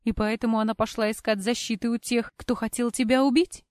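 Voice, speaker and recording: A woman voicing a calm, protective older brother who speaks softly and soothingly to his younger sister. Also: fairly high pitch, brisk, no room sound, close to an everyday voice. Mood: gentle. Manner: soft, soothing. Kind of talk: audiobook character voice.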